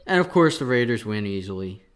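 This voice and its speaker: A man's voice: fairly low pitch, very animated, brisk, clear, resonant tone. A man hosting a sports betting podcast, talking casually and venting with sarcasm as he runs through picks and stats. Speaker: podcast host.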